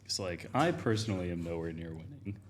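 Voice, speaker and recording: A man's voice: deep voice, lively intonation, quick pace, background noise. A man playing a card game on stream at a convention, joking and laughing often between plays. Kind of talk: casual table talk at a card game. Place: indoor gaming table at a convention. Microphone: table mic.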